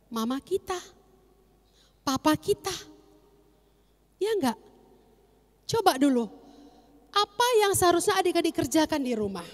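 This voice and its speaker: A young woman teaching children at Sunday school, animated, asking questions and answering them herself. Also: high voice, measured pace, pauses often, long reverb tail.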